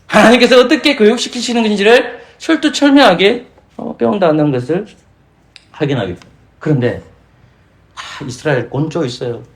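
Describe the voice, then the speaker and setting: A man preaching a Sunday sermon as pastor with a Gyeongsang accent, firing rhetorical questions at the congregation and acting out quoted voices. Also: high voice. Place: church sanctuary.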